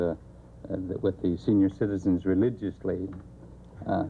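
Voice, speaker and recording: A man's voice: on the low side, slight background noise. A man who is a Navy chaplain giving a roast speech, hesitant with many uhs and dry jokes, on a thin lo-fi recording. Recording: thin phone-like lo-fi TV sound.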